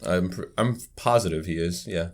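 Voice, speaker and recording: A man's voice: low-pitched, normal speed. A young man co-hosting a podcast in casual chat, laid-back, opinionated and swearing freely. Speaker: podcast co-host.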